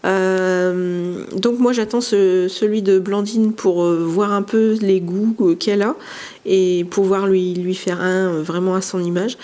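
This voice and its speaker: Soft-spoken woman showing crafts. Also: medium pitch, steady tone, unhurried. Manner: hesitant, many fillers and restarts; soft-spoken, drops to near whispers. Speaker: scrapbooking YouTuber. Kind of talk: casual show-and-tell.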